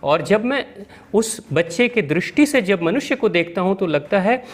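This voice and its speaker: A man's voice: high-pitched, expressive, moderate pace, voice pushed up. A man voicing an old male guru, reborn as a piglet, who speaks in an earnest, reflective way within a spoken story.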